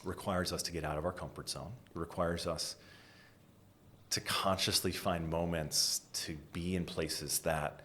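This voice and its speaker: A middle-aged American man from New England, a design executive giving an animated interview and dropping to a whisper for emphasis. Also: sits low, measured pace, a little hiss or hum. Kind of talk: conversational interview.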